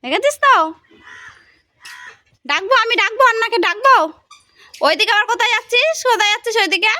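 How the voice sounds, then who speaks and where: A woman's voice: extremely high pitch, expressive, brisk, sharp tone, no room sound. A mother calling to her toddler in coaxing baby talk, repeating short sing-song calls.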